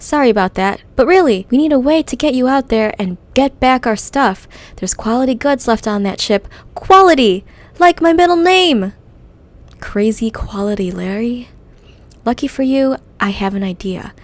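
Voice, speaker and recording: A woman voicing a loud, excitable, greedy male goblin explosives man, reading quest text aloud in character. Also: fairly high pitch, close to an everyday voice. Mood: eager. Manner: brash, fast-talking, greedy.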